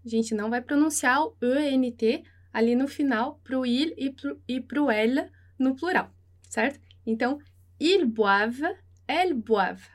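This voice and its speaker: A woman with a Brazilian Portuguese accent teaches a French lesson, repeating each phrase slowly and then translating it. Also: sits high. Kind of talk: slow, patient language lesson with repetition.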